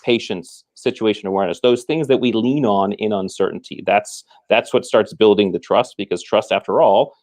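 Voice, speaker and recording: A man talking as a guest, explaining his ideas in a measured way with many restarts. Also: on the low side, darkish tone. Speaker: guest, former military trainer. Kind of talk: conversational explaining.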